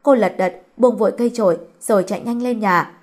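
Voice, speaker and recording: Brief: female audiobook narrator, even, plain storytelling read. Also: medium pitch, brisk.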